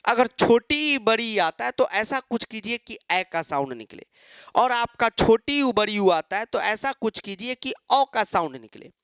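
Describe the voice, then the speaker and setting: A man's voice: sits high, very animated, unhurried, a bit bright, clear, resonant tone, no room sound, clean studio sound. A man teaching an exam-prep lecture, asking and answering his own questions and mimicking students.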